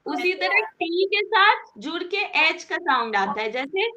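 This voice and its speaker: A woman teaching an online English phonics class, patient and encouraging, repeating each sound slowly for her students. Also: very high-pitched, big pitch swings, sharp tone, lo-fi sound.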